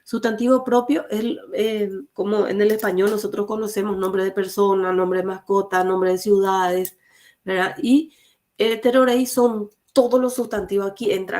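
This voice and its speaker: A woman's voice: mid-range voice, a little mellow. A woman teaching an online class, explaining grammar step by step with frequent fillers and two languages mixed together.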